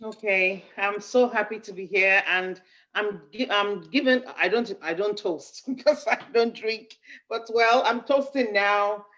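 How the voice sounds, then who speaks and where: A woman raises an enthusiastic toast on a video call, talking happily with a laugh. Her pitch sits in the middle. The audio sounds slightly muffled. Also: unhurried, fairly bright tone. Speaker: alumna giving a toast.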